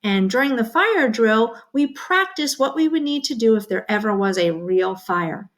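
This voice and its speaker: A woman's voice: a little high, animated, moderate pace. A woman teacher reading a children's magazine aloud to young students, with playful sound effects and questions to her listeners.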